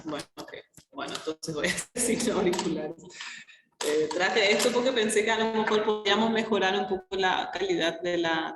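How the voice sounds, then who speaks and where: A woman teacher giving an online class from a classroom with a heavy echo and long reverb, talking hesitantly with many fillers and restarts. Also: fairly low pitch.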